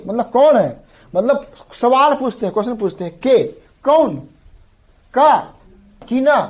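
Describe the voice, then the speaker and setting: A man's voice: extremely high pitch, a little mellow. A male teacher giving an exam-prep grammar lecture, repeating each term several times and often checking in with the students. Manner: repeats terms drill-style, often checks in with the class.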